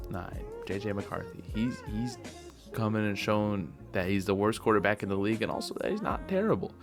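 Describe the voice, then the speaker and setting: A man casually giving his weekly sports predictions, tired and yawning, rambling and correcting himself as he goes. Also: fairly low pitch. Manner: offhand, rambling, self-correcting, yawns while talking. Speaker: sports video host.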